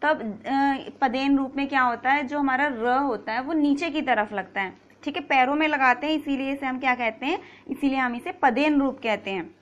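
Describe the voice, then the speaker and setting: A woman's voice: sits high, normal speed, hardly any pauses, fairly bright tone, lo-fi sound. A woman teaching a grammar lesson, patiently explaining, asking and answering her own questions, and repeating key points.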